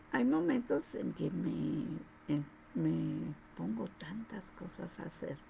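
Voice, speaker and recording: Woman, earnest devotional testimony. Deep gravelly fry, lively swinging intonation. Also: background noise. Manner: earnest, repetitive, addresses listener directly.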